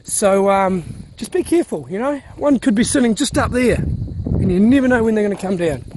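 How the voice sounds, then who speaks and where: A young man talking to his phone on a hill walk, joking in a deadpan way as he walks. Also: sits high, normal speed, background noise. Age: young adult. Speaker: vlogger. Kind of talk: casual walking vlog. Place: outdoors on a hill walk in a park. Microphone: phone at arm's length.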